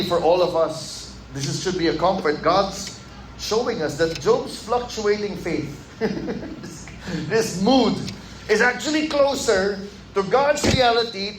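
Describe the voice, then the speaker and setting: A man preaching a sermon in a conversational, animated way, acting out quotes and slipping in Filipino words. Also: high voice, reverberant, noisy background. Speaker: pastor. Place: church hall.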